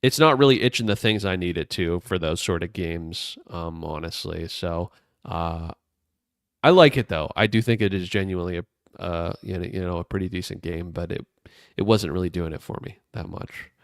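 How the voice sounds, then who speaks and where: A man co-hosting a casual gaming podcast, rambling in a relaxed way with lots of fillers. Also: low-pitched, moderate pace, no echo, clean studio sound. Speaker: podcast co-host.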